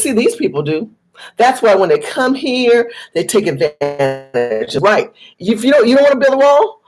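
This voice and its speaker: A woman from the United States speaks straight to her audience in a fervent, lecturing commentary, repeating phrases for weight. Her voice has a husky, slightly rough edge, and she sits at a middling pitch for a woman. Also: rough recording. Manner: emphatic, repetitive, lecturing the viewer. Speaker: political commentator vlogger. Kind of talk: impassioned direct-to-camera commentary.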